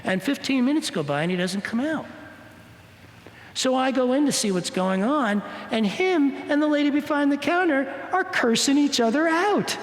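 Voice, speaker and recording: A male minister giving a spiritual talk, telling a personal story in an animated way and acting out the voices of the people in it. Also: very high-pitched, normal speed, slight background noise. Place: church hall. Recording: echoey hall.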